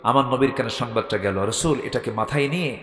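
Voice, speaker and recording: A man preaching a Bengali waz sermon with a Bangladeshi accent. He swings from soft talk to shouting and fires rhetorical questions at the crowd. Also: mid-range voice, fairly quick, roomy sound, long reverb tail. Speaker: Islamic preacher.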